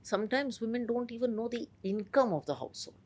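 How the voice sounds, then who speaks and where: A woman's voice: a little high, expressive, fast talker, darkish tone. A woman with a polished, educated Indian accent, speaking articulately in a conversational interview. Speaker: interview guest.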